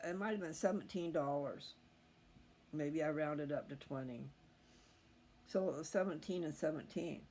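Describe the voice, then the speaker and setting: The host of a scripture reading channel chats casually with his viewers, folksy and meandering as he thinks aloud. His voice sits on the high side with vocal fry and a slightly mellow quality, with faint background noise.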